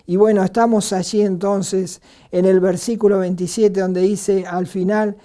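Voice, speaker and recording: Argentine lady preaching, mellow voice, earnest, lots of "este" pauses. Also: mid-range voice, fairly even intonation. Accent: Argentine Spanish. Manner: earnest, rhetorical questions, hesitant "este" fillers. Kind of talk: sermon.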